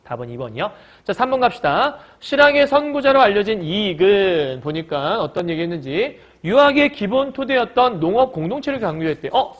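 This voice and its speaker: A man's voice: sits high, big pitch swings, fairly quick, few pauses. A man teaching a recorded lecture, who explains each point by asking his students questions and answering them himself. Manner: acts out short quoted lines in a raised voice. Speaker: Korean language teacher.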